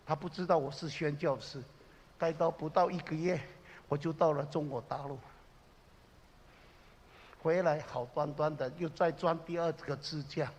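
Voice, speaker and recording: A man preaching a sermon as a pastor, impassioned, swinging between loud exclamations and low confiding asides. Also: fairly even intonation, normal speed, long pauses. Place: church sanctuary. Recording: reverberant church hall.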